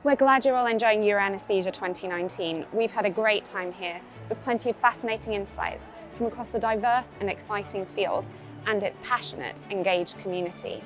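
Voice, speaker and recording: A woman's voice: mid-range voice, fairly quick. A woman presenting a conference TV show in a polished, upbeat scripted delivery. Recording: music bed underneath.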